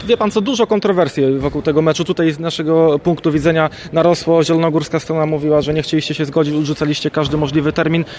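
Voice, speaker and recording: Higher-voiced male sports reporter. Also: fairly even intonation, quick pace, few pauses, darkish tone, a little hiss or hum. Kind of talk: post-match interview questions.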